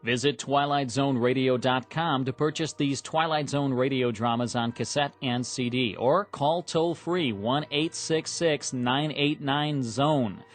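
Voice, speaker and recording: A male announcer delivers a scripted radio promo. He speaks slowly and deliberately, with faint music underneath. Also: mid-range voice.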